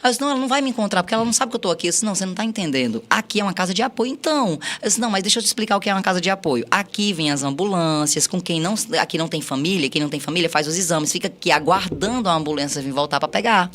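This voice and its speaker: Fast-talking woman telling a life story. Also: fairly low pitch. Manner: animated retelling with quoted dialogue and repeats. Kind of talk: podcast storytelling.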